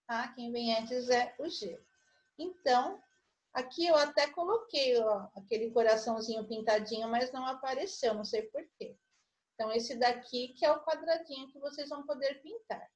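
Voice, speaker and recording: A Brazilian woman teacher with a slightly high voice, taking her time over every word. She walks young children through a word puzzle in an online lesson, spelling out syllables and clues one by one. She sounds patient and methodical. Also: a little mellow. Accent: Brazilian Portuguese. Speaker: primary school teacher.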